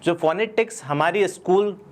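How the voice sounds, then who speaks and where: A man's voice: high-pitched, normal speed. A man with an Indian accent teaching a spoken English class, explaining step by step and answering his own questions. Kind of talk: classroom lesson in Hindi.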